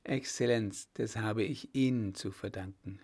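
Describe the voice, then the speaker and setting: An earnest young woman pleading softly in a storybook, read by a man in his own low voice. The delivery is slow and unhurried, with no real change of voice. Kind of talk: audiobook reading.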